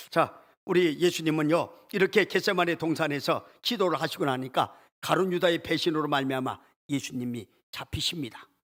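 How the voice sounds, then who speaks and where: A man preaching a sermon as a church pastor, with a passionate delivery that leaps up in pitch and drops to near-whispers. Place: church sanctuary.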